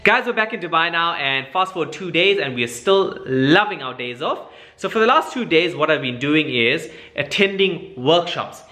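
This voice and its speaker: A man's voice: fairly high pitch, lively intonation, normal speed, bright, forceful tone, a little hiss or hum. Chatty man. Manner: chatty, informal, addressing viewers as guys. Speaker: vlogger, airline cabin supervisor. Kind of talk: casual vlog chat to camera.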